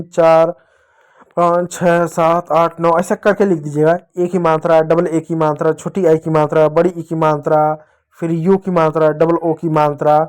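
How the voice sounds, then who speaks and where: High-voiced man teaching small children. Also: darkish tone, smooth. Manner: patient, repetitive, asks questions and answers them himself. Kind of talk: classroom lesson for young children.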